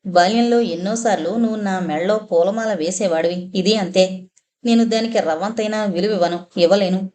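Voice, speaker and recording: A woman's voice: medium pitch, moderate pace, dark tone, lightly acted. A woman voicing a grieving, torn young blind woman in an audiobook novel, with a tearful, pleading delivery. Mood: anguished.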